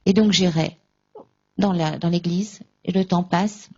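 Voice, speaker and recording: A woman giving a personal faith testimony at a conference, recounting events with lively acted-out dialogue. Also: fairly low pitch, measured pace, highs cut off. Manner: lively, acts out remembered dialogue.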